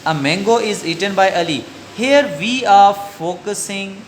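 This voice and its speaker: Slow, repetitive Pakistani English teacher. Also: male voice, sits high, expressive, slight background noise. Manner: slow, repeats key sentences twice. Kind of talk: recorded lecture.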